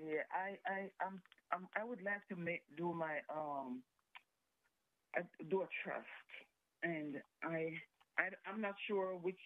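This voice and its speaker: A woman's voice: low-pitched, no room sound. Hesitant woman calling in on a tinny phone line. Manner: hesitant, many ums and restarts. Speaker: caller. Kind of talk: call-in question.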